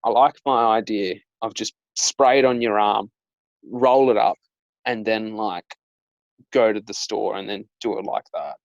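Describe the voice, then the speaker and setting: A man's voice: on the low side, measured pace, vocal fry, dry recording, lo-fi sound. A young man, hosting a casual chat and telling stories with lots of fillers like "like" and "um". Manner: chatty storyteller, lots of "like" and "um". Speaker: dating coach and host.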